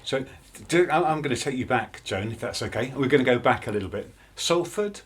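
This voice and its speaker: Male interviewer from England, slightly husky voice, mid pitch, informal and conversational. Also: lively intonation, fairly quick. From born London, grew up in Lancaster, England. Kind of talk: casual interview chat.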